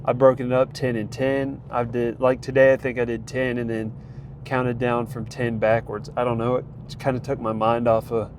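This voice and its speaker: This vlogger, a man tracking a training program, talks at normal speed in a medium-pitched, slightly mellow voice that barely moves in pitch. He sounds congested, and his casual update rambles along with fillers and restarts over noisy outdoor sound.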